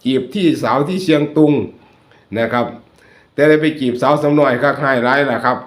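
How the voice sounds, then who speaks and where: Man, Isan accent, channel host, casual joking commentary, mid pitch, echoey recording. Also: a little fast. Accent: Northeastern Thai (Isan). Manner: chatty, joking, addresses viewers as brothers and sisters. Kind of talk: casual commentary over photos. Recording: roomy echo.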